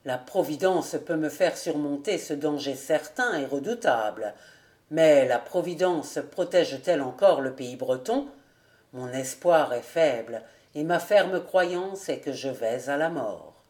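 A woman voicing a grave old male nobleman who speaks slowly and sadly for an audiobook. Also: low-pitched, animated, a little mellow, voice pushed down. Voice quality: slow, sad, solemn delivery.

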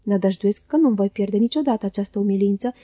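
A woman voicing a falsely humble, scheming young male clerk who speaks softly and unctuously in an audiobook reading. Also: mid-range voice, husky, no room sound, close to an everyday voice. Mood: oily humble. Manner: oily, unctuous, soft-spoken.

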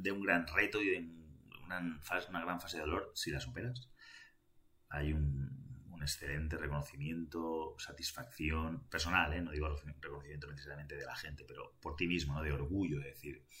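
A man delivers a calm personal reflection, pausing often and circling back to his words. His voice sits very low but comes across bright and forceful. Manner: thoughtful, halting, with many fillers. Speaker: vlogger giving reflections. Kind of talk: casual spoken reflection.

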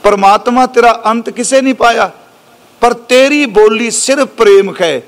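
A man with a Punjabi accent giving a sermon that explains scripture, reciting verses in a drawn-out way and explaining the meaning of each word. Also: sits high. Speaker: Sikh preacher.

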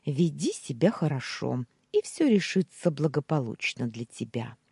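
A woman acts out a bitter young wife of twenty-one in an audiobook, sharp and scornful as she hisses orders. The voice sits low and husky, with lively swings in pitch. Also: moderate pace, no room sound, clean studio sound, exaggerated voice. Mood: scheming, cool.

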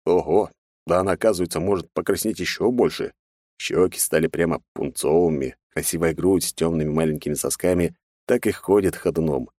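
Deep-voiced male audiobook narrator. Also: a little fast, darkish tone, no echo, clean studio sound. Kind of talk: first-person audiobook narration.

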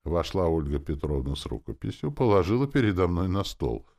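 Deep gravelly male narrator. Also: big pitch swings, a little fast, darkish tone. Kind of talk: first-person audiobook narration.

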